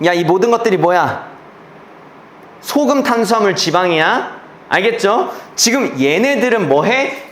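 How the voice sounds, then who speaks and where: A man's voice: high voice, lively intonation, unhurried, fairly bright tone. A man teaching a class, lecturing through an exam passage and checking in constantly with rhetorical questions and blunt slang. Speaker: English teacher. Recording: roomy echo with faint ambience.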